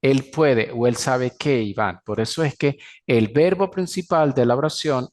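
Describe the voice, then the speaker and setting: A man teaching an English grammar class in Spanish, pronouncing the English example sentences slowly and clearly. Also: medium pitch. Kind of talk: recorded class lecture.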